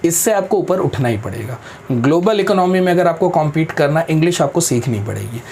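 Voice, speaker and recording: Man, interview guest, firm and practical, slightly high voice, faint background hum. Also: lively intonation, brisk, a little mellow. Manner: firm, practical, mixes English into Hindi; addresses interviewer respectfully as sir. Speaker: guest speaker on careers. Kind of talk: explanatory interview talk.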